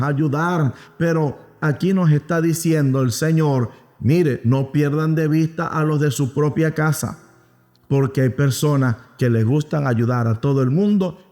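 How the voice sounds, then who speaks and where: A man's voice: fairly high pitch, a little mellow. A man with a Venezuelan accent preaching a Sunday school sermon, telling a story and acting out its quotes, calling his listeners "mis amados". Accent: Venezuelan Spanish. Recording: long hall reverb.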